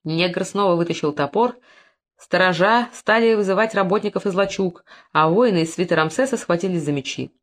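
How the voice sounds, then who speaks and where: A woman narrating a historical novel as an audiobook, with expressive reading. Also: lowish voice, a little fast.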